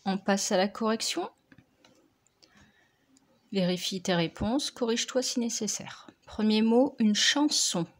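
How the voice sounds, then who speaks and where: A woman teacher, slowly dictating and correcting spelling words for young pupils, articulating each word carefully. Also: medium pitch. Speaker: primary school teacher.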